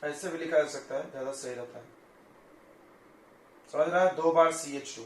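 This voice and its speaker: A man's voice: a little high, normal speed, far from the mic, a little hiss or hum. A male chemistry teacher giving a classroom lecture, explaining step by step and often checking that students follow. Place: coaching classroom. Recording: echoey classroom.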